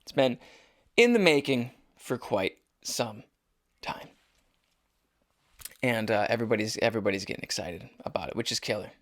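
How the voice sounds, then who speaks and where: A man's voice: fairly low pitch, animated, moderate pace, pauses often. A young man hosting his own podcast, talking casually and rambling, with frequent restarts and joking asides. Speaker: podcast host. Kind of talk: casual solo podcast monologue.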